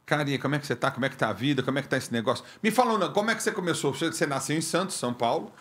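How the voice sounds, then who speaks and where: A man's voice: a little high, animated, very fast, a bit bright. A middle-aged man from Brazil hosting a podcast, bantering and joking with his guest in a studio on a stand mic. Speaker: podcast host. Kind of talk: casual interview.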